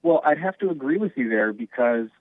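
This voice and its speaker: A man calling in to a talk show over the phone, speaking haltingly with frequent restarts. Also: mid-range voice, lively intonation, dry recording. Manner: halting, hesitant with many restarts. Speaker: caller. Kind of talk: call-in chat. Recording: tinny phone line, dry.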